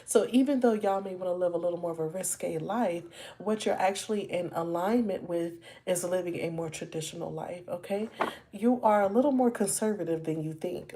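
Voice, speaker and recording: A woman with a slightly low voice gives a live tarot reading and talks straight to her viewers. Her tone is loose and chatty, and she calls them y'all and baby. Steady background noise sits under the recording. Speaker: tarot reader.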